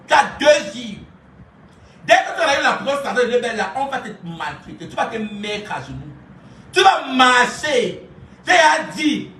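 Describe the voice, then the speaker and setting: A woman, ranting live to her followers and mocking someone. She keeps laughing, chants insults and sometimes shouts. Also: mid-range voice. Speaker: social media streamer. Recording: echoey room, voice far from mic, faint hiss.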